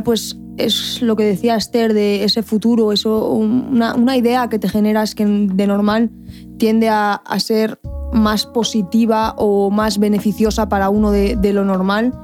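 A woman's voice: medium pitch, a little mellow. A woman co-hosting a casual podcast, laughing easily and explaining her ideas thoughtfully. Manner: laughs often, reflective when explaining. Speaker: podcast co-host. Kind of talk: casual chat.

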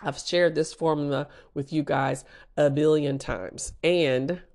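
A woman's voice: low-pitched, fairly even intonation, slow pace, a little mellow. A woman hosting a motivational talk, speaking directly to listeners in a conversational, emphatic and urging way. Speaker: podcast host and small business coach.

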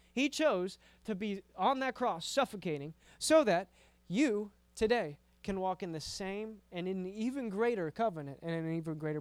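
A man's voice: high-pitched, clean tone, no room sound. A man preaching to a youth group in a casual, conversational way, often repeating words and checking in with "right?". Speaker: youth pastor.

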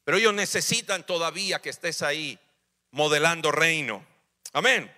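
A man's voice: on the high side, normal speed, pushed and bright. A man in his forties preaching a sermon in a church, acting out little family dialogues with humor. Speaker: pastor. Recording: church hall reverb.

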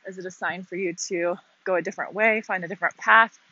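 A woman's voice: on the low side, fairly even intonation, fast, bright, forceful tone, dull audio, a little hiss or hum. A woman, an author and podcast host, chatting casually on a shaded outdoor walk, slightly out of breath and rambling with fillers and musing questions. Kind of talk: casual walking vlog. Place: outdoors on a shaded walking path.

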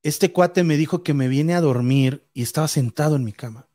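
A man's voice: fairly high pitch, normal speed, warm tone, lightly acted. A man voicing a terrified, insistent haunted man. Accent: Mexican. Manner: panicked, insistent pleading. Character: frightened man haunted at night.

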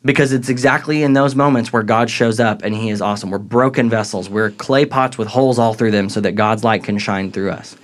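Earnest young man with a lowish voice. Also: fairly quick, few pauses. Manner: earnest, reflective, grows excited retelling moments. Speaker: podcast guest. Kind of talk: faith testimony in casual conversation.

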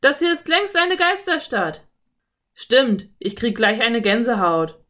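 A woman voicing rough male cowboys, loud and grumbling. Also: mid-range voice, moderate pace, lightly acted. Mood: shouting. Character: rough adult male cowboys, gruff horse thieves.

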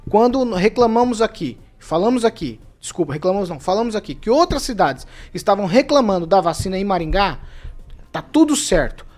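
A man's voice: sits high, expressive, brisk, a little mellow. A man hosting a radio talk show, arguing insistently and cutting in on his guests. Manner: interrupting, insistent. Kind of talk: heated debate.

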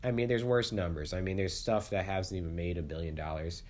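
A man with a low voice hosts a casual solo movie podcast. He sounds congested and sniffly from the flu. His delivery rambles, with stammered restarts and repeated words. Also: steady tone, brisk, darkish tone, slight background noise.

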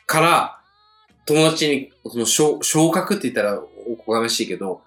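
A man in his thirties co-hosting a podcast in casual chat, teasing his partner and jumping up high when he protests. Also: expressive, moderate pace, fairly bright tone. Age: 30s. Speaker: podcast co-host. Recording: echoey room with faint music behind.

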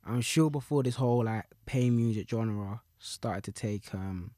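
A man's voice: mid-range voice, measured pace, dark tone, no room sound, studio quality. A young man with a London roadman accent talks casually in loose, slangy street language, often repeating his phrases. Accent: London roadman, Multicultural London English. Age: young adult. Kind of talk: casual conversation about music.

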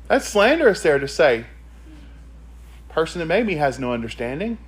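A man's voice: fairly high pitch, very animated, moderate pace. A man preaching a sermon, reading scripture and pressing the congregation with emphatic rhetorical questions.

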